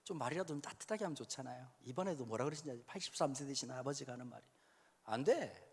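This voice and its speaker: A man in his fifties preaching a sermon in a church hall, joking and suddenly shouting when he acts out quotes. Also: mid-range voice, racing, creaky, slightly rough. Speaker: pastor. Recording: echoey hall sound.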